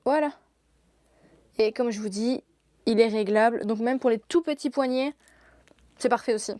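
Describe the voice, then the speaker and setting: A woman's voice: a little high, moderate pace, mellow, dry recording. A young woman presenting products in a shop during a live stream, gushing and laughing often.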